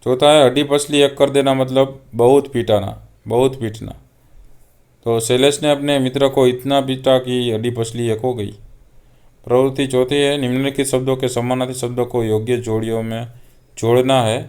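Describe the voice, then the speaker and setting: A man's voice: mid-range voice, normal speed, clean tone. A young man, patiently explaining homework answers one item at a time as a teacher. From Gujarat. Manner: steady, patient, reads items aloud one by one.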